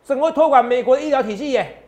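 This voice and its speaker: A man's voice: very high voice, very fast, a little mellow. A man, working as a stock market analyst and giving boastful finance talk show commentary full of rhetorical questions.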